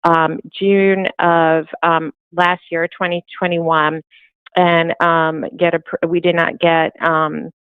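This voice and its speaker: A woman's voice: lowish voice, little pitch movement, slow, clear, resonant tone, dry recording. Woman talking over a tinny phone line. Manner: hesitant, many ums and restarts. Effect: heard over a phone line. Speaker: county health department presenter. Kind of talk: presenting a report at a public meeting.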